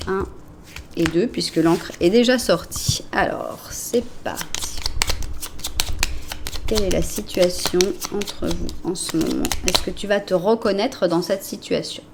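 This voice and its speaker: A woman's voice: medium pitch, gravelly, background noise. Chatty French tarot reader woman. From France. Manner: chatty, reassuring, narrates each card. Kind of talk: tarot card reading.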